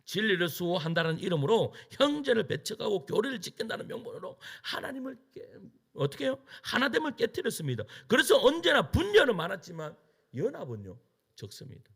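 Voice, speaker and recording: A middle-aged male pastor preaches in a high voice that leaps wildly up and down. His tone is gravelly and husky. He keeps throwing rhetorical questions at the congregation and answering them himself. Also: big pitch swings, fairly quick, a bit bright. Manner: emphatic preaching with rhetorical questions and call-and-response. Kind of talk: sermon.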